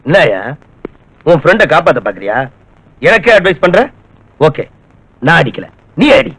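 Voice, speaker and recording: A bullying, hot-tempered cop. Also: male voice, fairly high pitch, big pitch swings, moderate pace, fairly bright tone, breathy edge, no room sound, heavily acted, rough recording. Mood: aggressive. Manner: aggressive, interrogating, taunting. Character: bullying hot-tempered male police officer. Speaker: police officer. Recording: film soundtrack with music.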